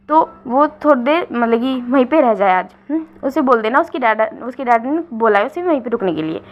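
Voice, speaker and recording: A woman casually retelling a romance fan story, often pausing with fillers and correcting herself. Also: high-pitched, highs cut off. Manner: frequent fillers and self-corrections.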